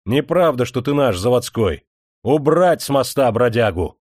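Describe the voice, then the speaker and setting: A man's voice: medium pitch, lively intonation, moderate pace, a little mellow, no room sound, studio quality, close to an everyday voice. A man voicing a stern, arrogant wealthy factory owner who speaks in a cold, commanding way.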